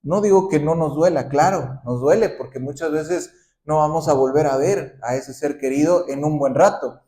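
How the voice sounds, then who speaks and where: A man pastor preaching a sermon, often asking the congregation questions and ending points with a quick "¿sí?". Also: a little high, dark tone. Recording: roomy echoing hall.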